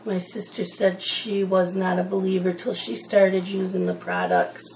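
A woman's voice: medium pitch, level tone, unhurried, vocal fry, a little mellow, a little hiss or hum, poor audio. A woman chatting in a rambling, casual way while she colors, wandering from one topic to the next. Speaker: coloring channel host.

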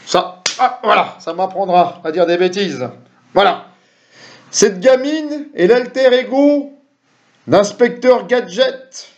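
The quiz host is a middle-aged man whose high voice takes its time. He reads questions to camera and chats jokingly with viewers from a small home room. The audio, picked up by a webcam or desk computer mic, is dull and lo-fi.

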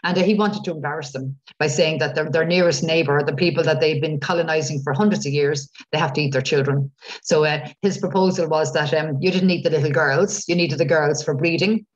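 A woman's voice: deep voice, fairly even intonation, brisk. A middle-aged Irish woman gives an informal guided-tour talk, chatty and rambling with hesitations, over a video call. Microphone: computer mic on video call. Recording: muffled video-call audio.

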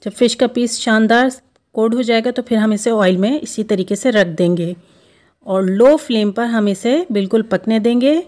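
A woman hosting a home cooking video, explaining each step of a recipe in a steady, instructive way. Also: a little high, normal speed. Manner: steady, instructive, repeats steps. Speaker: cooking show host. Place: home kitchen.

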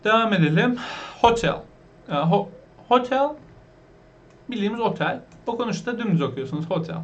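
A man with a fairly high voice teaches an online English lesson. He explains slowly and patiently, repeats each word and quizzes his viewers as he goes. The recording sounds dull and lo-fi. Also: lively intonation.

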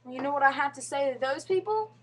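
A young woman talks into her webcam at home with a high, bright-pitched voice. Her delivery is rambling and earnest, full of fillers and false starts. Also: animated, fast. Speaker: vlogger. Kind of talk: casual webcam monologue. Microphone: webcam mic.

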